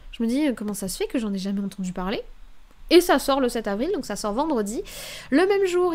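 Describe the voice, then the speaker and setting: A woman's voice: a little high, darkish tone. A young woman streaming live, chatting casually and thinking aloud while she browses the week's releases.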